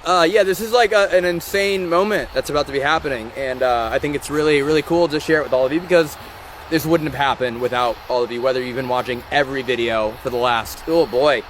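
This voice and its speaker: A man hosting a live-stream vlog outdoors, talking in an excitable, rambling and emotional way. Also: medium pitch, quick pace, a little hiss or hum. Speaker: ghost-hunting channel host. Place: outdoors by a rock wall during a thunderstorm. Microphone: phone or camera on a live stream.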